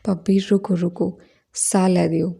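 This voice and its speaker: Teasing young man, playful, gravelly mellow voice, read by a woman. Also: lowish voice, little pitch movement, unhurried, heavily acted.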